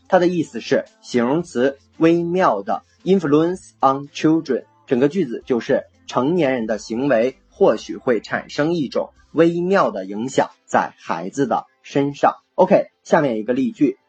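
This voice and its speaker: A man's voice: mid-range voice, darkish tone, husky. A male English vocabulary teacher hosting a casual radio-style lesson, chatty and jokey, spelling words out letter by letter, with Chinese as his first language.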